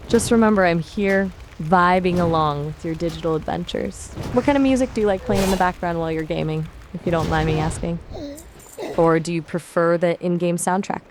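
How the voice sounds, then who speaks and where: A woman's voice: lowish voice, brisk, slight background noise. A synthetic woman's voice acting as a chatty, upbeat AI gaming companion in casual chat.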